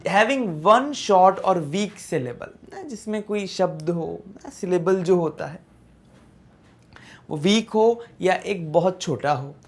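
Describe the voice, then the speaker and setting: Slow, patient Hindi-speaking woman teacher. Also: on the low side. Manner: reads English text slowly, then explains in Hindi with frequent "है ना" checks. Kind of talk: explaining a poem to students. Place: classroom-style video lesson.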